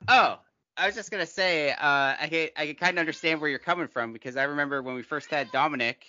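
A man's voice: fairly high pitch, quick pace, bright, forceful tone, no echo. A young man in casual podcast chat, talking in an easygoing, agreeable way over a remote call. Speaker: podcast co-host. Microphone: remote call mic. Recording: dry, dull lo-fi call audio.

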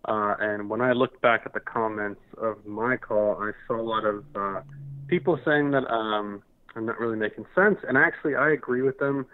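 A man calling in to a talk show over the phone, halting and stammering with many restarts. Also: on the low side. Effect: heard over the phone. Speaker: caller. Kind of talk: call-in radio talk. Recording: tinny phone line.

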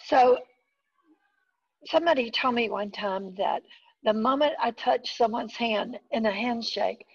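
A woman's voice: a little high, measured pace, husky, highs cut off. A woman salon owner interviewing a guest, asking conversational questions.

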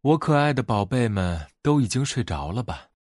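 A man voicing a kindly old grandmother bear in a bedtime story, speaking softly and tenderly. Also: mid-range voice, sing-song, moderate pace, no room sound, studio quality. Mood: wistful, tender. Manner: soft-spoken, gentle, tender.

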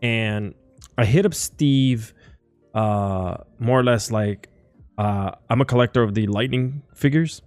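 A podcast host chats casually in an interview, rambling along with enthusiasm. His medium-pitched voice moves slowly, with soft music playing behind it and no room sound.

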